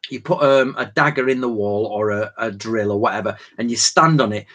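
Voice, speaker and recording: A man's voice: lowish voice, brisk, a bit bright. A man, hosting a casual live Q&A and rambling chattily from one tangent to the next. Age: 40s. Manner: informal slang and frequent fillers. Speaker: host of a live Q&A stream. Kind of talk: casual live-stream Q&A lecture.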